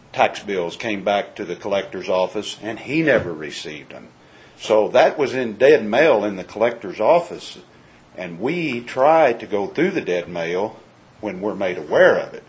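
A man's voice: on the low side, very animated, unhurried, rough recording. A man speaking as a county official at a public meeting, cautious and deferring to the statute.

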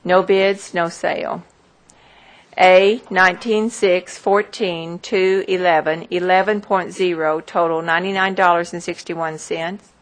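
Woman auctioneer, lowish pitch, unhurried formal read-out of figures, methodical and repetitive. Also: steady tone, low-quality recording. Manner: measured, methodical, repetitive, number by number. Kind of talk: formal auction calling, reading out parcel numbers.

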